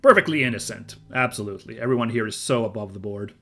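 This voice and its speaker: A man's voice: on the low side, quick pace, pushed and bright. A man streaming a video game, giving casual commentary with rambling, self-amused asides.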